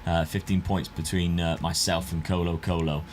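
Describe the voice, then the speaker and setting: A gaming video host with a low, flat voice talks at a moderate pace over a football management game, mixing scripted narration with casual chat. His manner is informal and conversational, and there's slight background noise.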